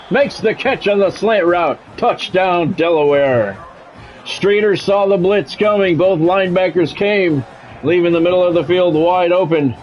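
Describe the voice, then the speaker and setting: A man delivers play-by-play commentary on an American football game in short, clipped phrases. His voice is a little high and a little mellow, and the audio quality is poor.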